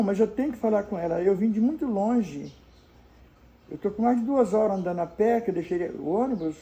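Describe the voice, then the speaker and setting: A woman's voice: mid-range voice, mellow, lo-fi sound. An older woman from Brazil telling childhood memories in a homely, casual way, acting out the dialogue of the people in her story. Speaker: storyteller answering viewer questions.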